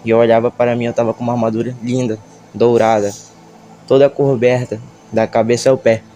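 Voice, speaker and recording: A man with a Brazilian Portuguese accent giving a church testimony, nervous, halting and stammering as he retells it with feeling. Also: mid-range voice, little pitch movement, mellow, slight background noise.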